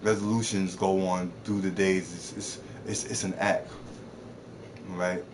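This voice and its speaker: While live streaming a game, a man rants off the cuff, rambling, cursing, repeating words and mocking others in put-on voices. His voice sits low with a level tone and an unhurried pace, over some background noise.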